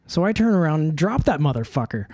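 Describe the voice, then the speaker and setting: A man's voice: a little high, quick pace, no room sound, clean studio sound. A young man co-hosting a podcast, casually telling stories with lots of laughing and swearing. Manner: laughing, swearing, animated storytelling. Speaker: podcast co-host. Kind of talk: casual chat. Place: studio.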